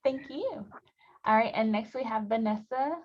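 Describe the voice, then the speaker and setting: A woman's voice: a little high, moderate pace. A woman leading a student workshop over a video call, explaining in a conversational way with fillers. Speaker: workshop facilitator. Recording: dull lo-fi call audio.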